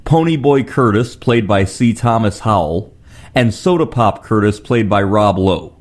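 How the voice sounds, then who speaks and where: A man's voice: lowish voice, lively intonation, unhurried. A man reading a scripted plot summary as a film reviewer.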